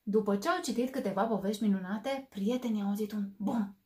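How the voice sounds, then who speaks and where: A woman reading a children's story aloud and hosting her own storytelling channel, expressive and lingering on words. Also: mid-range voice.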